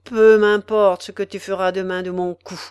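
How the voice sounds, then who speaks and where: A greedy male executioner haggles with haughty relish, his voice leaping high and loud, as a woman reader puts him on. The sound is dry and close. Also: animated, unhurried, no room sound, lightly acted. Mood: haggling.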